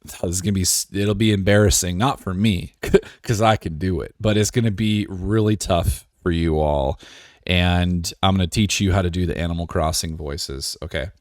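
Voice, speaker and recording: Deep-voiced joking male streamer. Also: normal speed, dry recording, studio quality. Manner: joking, self-assured, rambling. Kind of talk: casual live-stream commentary.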